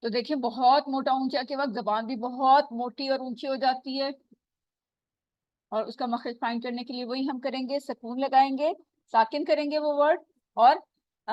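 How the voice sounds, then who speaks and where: A woman teaching Quran recitation in an online class, patiently repeating sounds slowly for her students. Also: high-pitched, dry recording, lo-fi sound.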